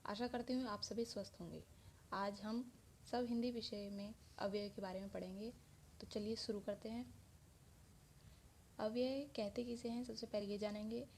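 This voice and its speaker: Female teacher, mellow voice, patient step-by-step explaining, faint room hum. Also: mid-range voice, fairly even intonation, moderate pace, long pauses. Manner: explains step by step with many examples. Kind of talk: Hindi grammar lesson.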